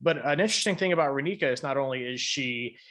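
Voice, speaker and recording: A man's voice: mid-range voice, fast talker, fairly bright tone. Casual male podcast host, conversational. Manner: loose and conversational, with frequent fillers. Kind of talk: podcast interview and scripted explainer segments.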